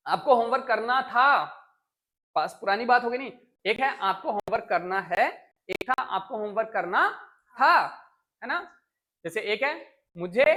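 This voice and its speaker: A woman's voice: a little high, a bit bright. A woman teacher at the front of a classroom of children, walking them through grammar. She keeps firing questions at the pupils and repeating example sentences. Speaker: English teacher. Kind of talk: classroom lesson explaining English grammar.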